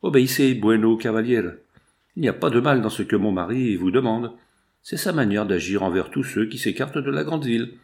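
Man doing a brigand's wife, coaxing, soft, pleading, raised storybook voice. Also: medium pitch, expressive, brisk, gravelly.

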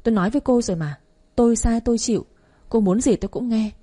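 A woman's voice: on the high side, fast, dark tone, husky, pitched above the performer's own voice. A woman voicing an enraged young husband confronting his wife, in an audio story. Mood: furious. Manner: growling, hard.

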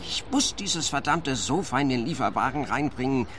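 An actor playing a grumpy, impatient van driver in a radio drama, harried and exasperated. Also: male voice, medium pitch, lively intonation, normal speed, a bit bright, a little hiss or hum, close to an everyday voice. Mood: grudging.

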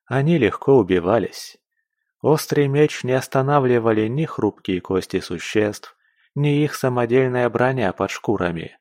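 A man narrating a fantasy audiobook in a steady, even storytelling manner. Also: medium pitch, measured pace, no echo, studio quality. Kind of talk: scripted narration.

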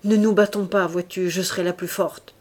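Reading a classic novel aloud, a woman plays a domineering young woman who speaks imperiously and menacingly, her voice rising. The narrator's pitch is fairly low and her tone level, at normal speed, slightly mellow and natural.

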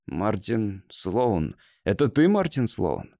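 A man's voice: on the low side, wildly swooping pitch, takes it slowly, warm tone, no echo, studio quality, heavily acted. A man voicing an emotional grown man who is shaken at seeing his childhood self, his voice pleading. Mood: excited.

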